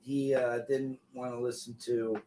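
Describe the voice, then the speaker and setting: A middle-aged man chatting casually on a livestream in a loose, halting, tipsy ramble. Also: mid-range voice, level tone, mellow. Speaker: streamer. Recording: clearly noisy room recording with clicks.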